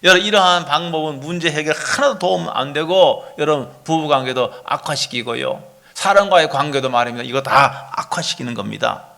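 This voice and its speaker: A middle-aged male pastor preaching a sermon, animated, often asking the congregation rhetorical questions. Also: on the high side, a little fast, creaky, few pauses.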